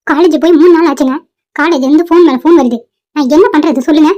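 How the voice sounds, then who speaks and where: A woman's voice: high-pitched, quick pace, mellow, highs cut off, lightly acted. A woman voicing an irritated middle-aged mother who scolds her son and husband sharply. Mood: scolding.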